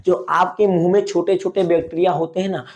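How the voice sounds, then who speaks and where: A man's voice: high voice, flat delivery, brisk, darkish tone. A man teaching a biology class in with a tinge, repeating key terms as questions and calling his students "beta". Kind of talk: classroom lecture.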